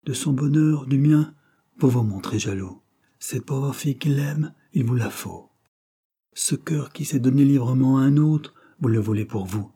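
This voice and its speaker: A man's voice: mid-range voice, measured pace, warm tone, husky, pitched above the performer's own voice. A man reading aloud, voicing a proud, heartbroken young orphan woman with bitter, tearful reproach.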